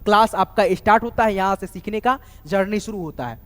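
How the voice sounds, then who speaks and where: A fairly quick, high-voiced English teacher, recorded in a reverberant room, explains how to write names. He keeps saying "doston" and "theek hai," spelling out words one letter at a time and frequently checking back with his students.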